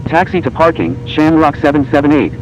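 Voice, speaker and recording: A man's voice: on the high side, sing-song, a little fast, darkish tone, muffled recording. Man's clipped pilot radio calls, noisy. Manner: clipped, formulaic readbacks. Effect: pilot radio transmission. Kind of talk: radio calls to ground control.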